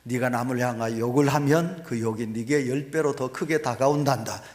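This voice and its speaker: A man voicing a gentle mother teaching her young son, in a calm, instructive storytelling tone. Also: mid-range voice, moderate pace, long reverb tail, close to an everyday voice. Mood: gently instructive.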